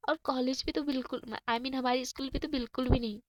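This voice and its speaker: A woman voicing a calm, protective schoolgirl. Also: high-pitched, a little fast, dry recording, studio quality, natural voice. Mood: reassuring. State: has a cold.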